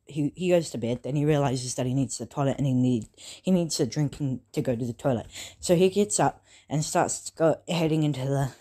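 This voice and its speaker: A casual narrator talking through a homemade fan story. The delivery is slow and halting, with frequent fillers and restarts. The voice has a mellow, dark tone and sits at a middling pitch. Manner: halting, many fillers and self-corrections. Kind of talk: casual spoken story retelling.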